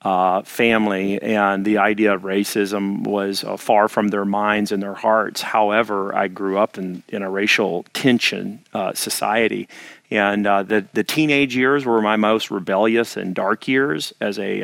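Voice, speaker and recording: A man's voice: lowish voice, vocal fry, a bit bright, no echo. A man from the American South who hosts a discussion and talks reflectively, with many fillers and restarts. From Arkansas, US South. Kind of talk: casual discussion.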